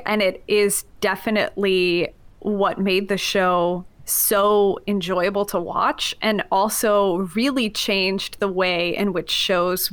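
A woman chats casually as a podcast co-host. Her voice is mid-pitched, and her phrasing is informal, sprinkled with "like". She is recorded dry, without audible room. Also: fairly bright tone, dry recording. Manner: informal, peppers talk with "like". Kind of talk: casual chat.

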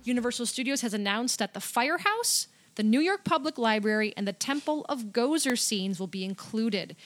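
A woman's voice: a little high, expressive, moderate pace, a bit bright, faint music behind. Upbeat chatty woman podcast host. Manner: chatty, upbeat, reads news items aloud. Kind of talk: casual podcast chat about theme parks.

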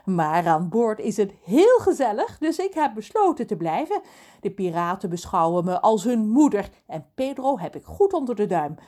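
A woman's voice: medium pitch, sing-song, moderate pace, warm tone. A woman voicing a vain, bossy female mermaid who is 357 years old, talking in a haughty, commanding way.

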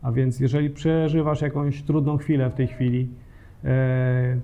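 Earnest male preacher with a mellow voice. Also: medium pitch, level tone, unhurried, lo-fi sound, slight background noise. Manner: earnest, addresses the congregation directly, occasional hesitation fillers. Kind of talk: sermon.

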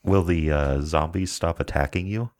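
Super deep voiced guy, player, laughing thru gross details. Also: moderate pace, a little mellow. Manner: gleefully describing gore, laughs often. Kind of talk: casual tabletop game chat.

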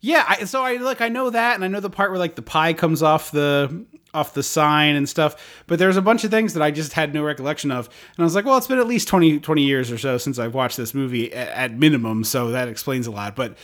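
A man co-hosting a podcast, chatting casually about a movie in a rambling, animated way. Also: fairly high pitch, a little fast. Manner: rambling, animated, puts on quoted voices. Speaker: podcast co-host. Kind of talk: casual movie-review chat.

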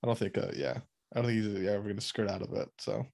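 A man's voice: fairly low pitch, expressive, fast talker, a little mellow, dry recording, studio quality. A man co-hosting a podcast, reacting with enthusiasm to a TV episode, often saying "like" and trailing off mid-thought. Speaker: podcast co-host. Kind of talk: casual chat reacting to a TV episode.

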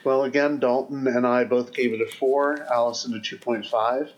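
A man joins a casual podcast as a guest, speaking in a mid-pitched voice. He is thoughtful and measured as he talks. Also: steady tone, slight background noise, poor audio.

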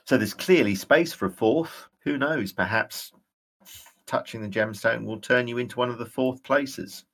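A man running a tabletop role-playing game as game master, describing scenes in a halting way. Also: medium pitch, creaky, a bit bright.

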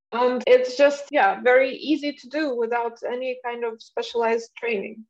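A woman's voice: fairly high pitch, a little mellow. Woman podcast co-host on dull audio. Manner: asks questions and recaps. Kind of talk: conversational chat.

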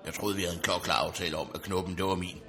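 A man's voice: low voice, steady tone, a bit bright, soft background music. A man playing a blunt, quarrelsome village priest who swears a lot, in an improvised comedy sketch.

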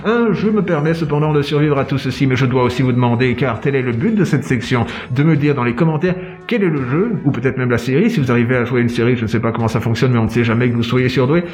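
A man's voice: mid-range voice, fast, a little mellow, close to an everyday voice. A man playing a pompous self-styled detective in a comic sketch, theatrical and playful. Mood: mock-grandiose. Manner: theatrical, playful, with silly sung noises. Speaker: comedic sketch character.

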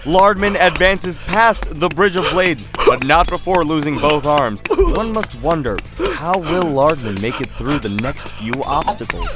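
A sports announcer played by a man calling the action play by play, building the hype. His voice is fairly high. It has the feel of a comedy audio drama. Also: animated, measured pace, few pauses. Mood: hyped. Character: excitable male sports announcer.

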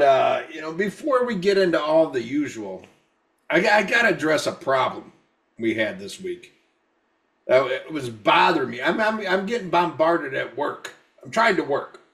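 A high-pitched man, tipsy from drinks, rants in a rambling, profane stream as a podcast co-host. He talks heatedly and repeats himself. His voice sounds a little distant from the microphone. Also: fairly bright tone. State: drunk. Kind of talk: casual podcast rant.

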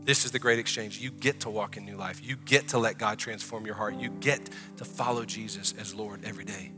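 A man from the American South with a Southern accent, preaching a conversational sermon in a church and rising to loud, drawn-out prayer. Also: on the low side, fairly even intonation, music in the background. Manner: drawn-out, emphatic phrasing in the closing prayer. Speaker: pastor. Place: church hall.

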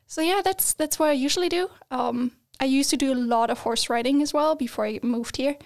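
On a casual podcast, a student guest in her twenties talks in a high-pitched voice at a slightly quick pace. She's chatty, laughing frequently and stumbling through fillers and restarts.

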